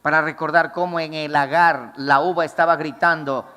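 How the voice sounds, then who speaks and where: Pastor guy preaching hard, high bright voice, big echoey church hall. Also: fairly even intonation, moderate pace, smooth. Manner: fervent, emphatic preaching. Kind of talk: sermon. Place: church with congregation.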